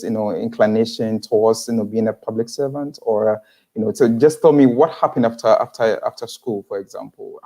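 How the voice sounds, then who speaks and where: A man's voice: mid-range voice, dark tone. A man hosting an online interview, asking long questions with frequent hesitations. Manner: hesitant, many fillers and restarts. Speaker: host.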